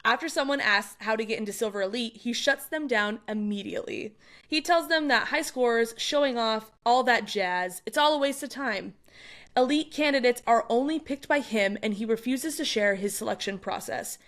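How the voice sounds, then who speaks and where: A young adult woman talks through a book's chapters on a podcast she co-hosts. Her delivery is animated and chatty, broken up by frequent laughter and quick side remarks. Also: a little high. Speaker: book club podcast co-host. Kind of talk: casual chat recapping a book.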